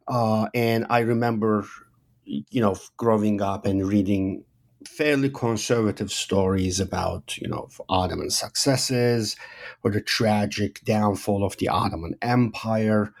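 A man from Turkey in his forties, a history professor answering interview questions thoughtfully, with many pauses and fillers. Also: fairly low pitch, steady tone.

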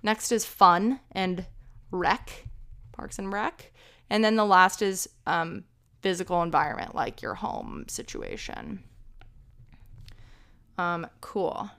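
A woman's voice: fairly low pitch, expressive, slow pace, gravelly, long pauses, fairly bright tone. A young woman in her twenties hosting a casual solo podcast, chatty and rambling with self-deprecating asides, a little out of breath. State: slightly out of breath. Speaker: podcast host.

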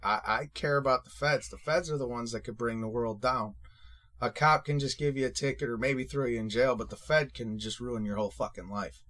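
A man with a medium-pitched voice chats as a co-host. He gives his opinions bluntly, with plenty of profanity. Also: a little fast, a bit bright. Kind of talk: casual opinionated chat.

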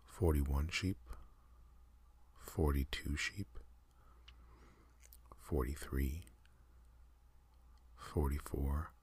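A man telling a calm ASMR sleep story, counting in a soft, half-whispered, unhurried way. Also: a bass voice, husky.

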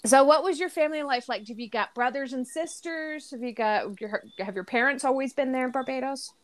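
A woman's voice: high voice, brisk. A woman hosting an interview show, enthusiastic and encouraging toward her guest. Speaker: podcast host.

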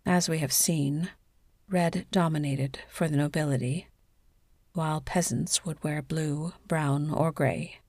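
A woman narrating a scripted sleep story in a soothing, measured bedtime delivery. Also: low voice, fairly even intonation, darkish tone, no room sound, studio quality.

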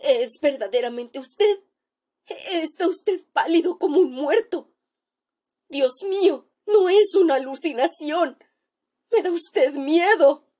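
A woman's voice: high voice, animated, takes it slowly, darkish tone, pitched above the performer's own voice. A woman doing a terrified trembling male doctor. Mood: panicked. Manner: panicked, pleading, breathless exclamations.

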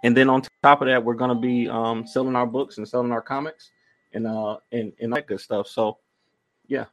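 Male co-host, mid-pitched. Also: little pitch movement, moderate pace. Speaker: podcast co-host, comic creator. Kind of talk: casual chat.

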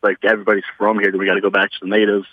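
A man's voice: fairly low pitch, completely flat delivery, rapid-fire, dry recording. A man in his twenties calling in to a radio show over a phone line, talking earnestly in a rambling way with restarts. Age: 20s. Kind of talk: casual call-in comments. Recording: tinny dry phone line.

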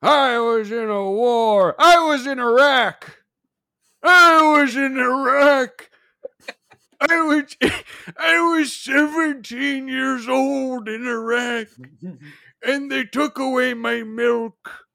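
A man putting on an old-timey voice for a paranoid, cranky old war veteran who shouts indignantly and keeps laughing at himself. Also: very high-pitched, slow pace, gravelly, dry recording, clean studio sound, heavily acted. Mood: angry.

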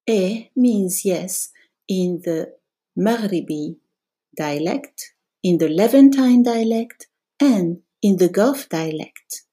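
A woman giving an explanatory language lesson as a teacher, speaking deliberately in short phrases with pauses. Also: medium pitch, lively intonation, dark tone, breathy edge.

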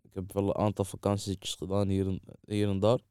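A man's voice: deep voice, completely flat delivery, a little fast, dark tone, clear, resonant tone, dry recording, studio quality. A man with a Moroccan-Dutch street accent chatting casually as an interviewed artist, his speech full of street slang, bro and wallah. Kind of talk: casual chat.

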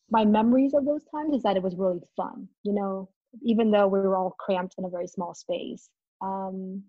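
A woman's voice: medium pitch, warm tone, dry recording. Woman with a dull, muffled sound. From Vietnam. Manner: reflective, frequent ums. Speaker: guest. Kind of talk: conversational interview.

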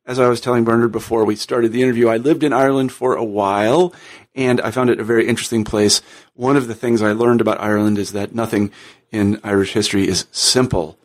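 American man hosting, halting conversational delivery. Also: medium pitch, steady tone. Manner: halting, repeats words as he goes. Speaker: podcast host, interviewer.

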